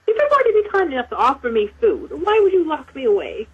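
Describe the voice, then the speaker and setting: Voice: high-pitched, wildly swooping pitch, fast talker, phone-quality sound. A roleplayer playing a pampered, scared captive young woman who complains dramatically. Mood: forlorn.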